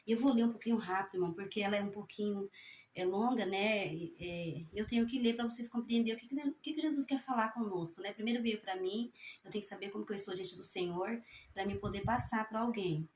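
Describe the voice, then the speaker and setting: A woman preaching with a fervent, folksy warmth, often tagging her sentences with questions and pausing to correct her own reading. She speaks at a mid pitch, and her voice rings in a roomy space over a faint background hum. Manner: fervent, folksy, frequent "né?" tags; halting reading with self-corrections. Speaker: evangelical preacher sharing a prophecy. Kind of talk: spoken testimony and scripture reading.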